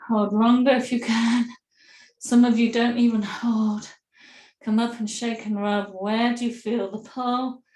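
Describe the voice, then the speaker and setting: A woman yoga instructor guiding a movement class with gentle, encouraging cues. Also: fairly high pitch, flat delivery, a little slow. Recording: echoey room.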